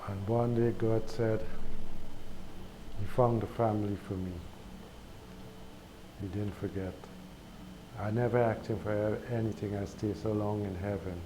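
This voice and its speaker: A man from Guyana with a Guyanese accent, telling a personal spiritual testimony in a slow, halting way with repeated words. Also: lowish voice, fairly even intonation. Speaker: speaker sharing a spiritual testimony. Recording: recorded with clear background noise.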